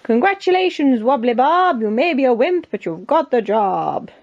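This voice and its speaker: Storybook king, male, hungry and bossy, played by a woman; emphatic, drawn-out, animated and high. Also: dull audio, exaggerated voice. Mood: delighted. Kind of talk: acted children's picture book reading.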